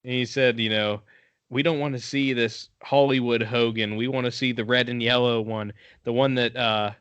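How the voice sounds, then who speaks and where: A man's voice: mid-range voice, steady tone, moderate pace, fairly bright tone, clean tone, no echo, dull audio. Laid-back man recapping on a podcast. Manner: laid-back storytelling, swears casually. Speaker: podcast co-host. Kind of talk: casual chat.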